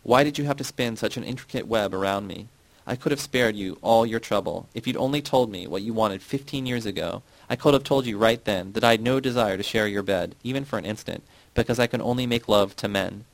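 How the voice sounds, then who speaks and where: A man's voice: on the low side, a little fast, dry recording, lightly acted, poor audio. A man voicing a bitter young woman who speaks coldly and accuses sharply. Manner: shouting, cutting.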